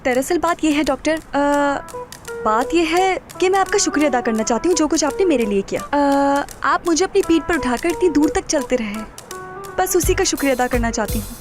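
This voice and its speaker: An eager, grateful young woman doctor, with a high voice. She speaks earnestly with small hesitations, over a music score in a dubbed drama. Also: animated, fairly quick. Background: background score music.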